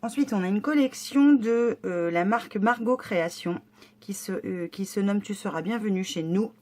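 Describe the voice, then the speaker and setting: This is a scrapbooking vlogger unboxing her monthly box, her medium-pitched voice a little mellow and moving at normal speed. Her casual chatter is enthusiastic yet hesitant, with frequent fillers and restarts as she admires each item.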